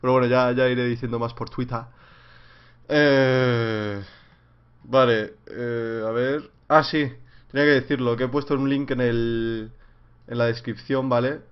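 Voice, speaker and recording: A young Spanish man rambles through viewer questions on a home livestream, joking and suddenly getting loud. His voice sits at a middle pitch. The stream audio is a little dull and lo-fi. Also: steady tone, a little slow, clear, resonant tone. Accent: Spain. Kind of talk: casual livestream Q&A.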